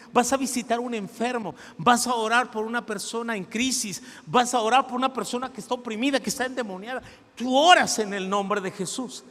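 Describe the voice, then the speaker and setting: A middle-aged man with a Mexican accent preaching a sermon as pastor, animated, acting out quotes and calling the congregation to repeat after him. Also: high-pitched. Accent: Mexican Spanish. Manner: animated preaching with acted-out quotes and call-and-response. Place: church sanctuary. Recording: long reverb of a church hall.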